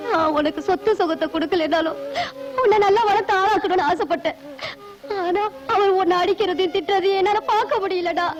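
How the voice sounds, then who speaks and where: A woman's voice: very high-pitched, fast talker, hardly any pauses. An actress dubbing a tearful mother who is crying as she sends her young son away. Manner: tearful, pleading. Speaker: dubbing actor. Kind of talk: dubbed film acting. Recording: muffled film soundtrack with loud music.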